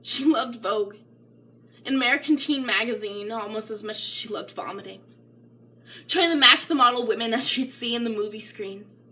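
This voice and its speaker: A woman with a slightly high voice and a moderate pace performs a spoken-word poetry reading. Her delivery is intense, emotional and theatrical, moving between hushed tones and crying out.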